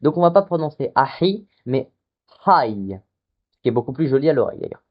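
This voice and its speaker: A man's voice: mid-range voice, racing. A man teaching an online lesson, explaining step by step with frequent fillers and restarts. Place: hot room with a fan running. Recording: dull lo-fi mic. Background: fan noise masked.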